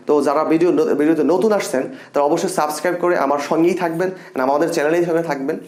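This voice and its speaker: Young male tutor, expressive and upbeat, slightly high voice, echoey room. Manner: animated and expressive, repeats example sentences. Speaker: English teacher. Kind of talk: casual spoken lesson.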